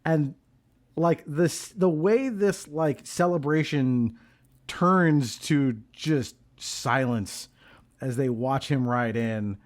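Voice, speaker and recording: A man's voice: on the high side, slow. A man hosting a podcast, recapping a film in casual conversation. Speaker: podcast host.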